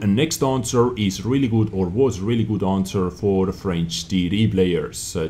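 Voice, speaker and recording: A man's voice: sits low, darkish tone, slight background noise. A man casually commenting on game update news, reading out each point and reacting to it. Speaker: gaming video creator.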